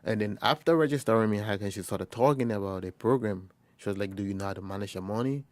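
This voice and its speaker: A young man from Liberia, a first-year college student, telling his story in an interview in a halting way, often restarting and quoting conversations. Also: fairly low pitch, no room sound. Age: young adult. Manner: halting, with frequent restarts and quoted dialogue. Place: quiet recording booth.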